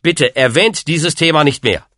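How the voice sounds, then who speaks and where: Man doing a steady, earnest young knight with a bright, lively voice, for a storybook reading. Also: fairly low pitch, normal speed, dry recording, studio quality. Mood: pleading. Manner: firm, level and reasonable.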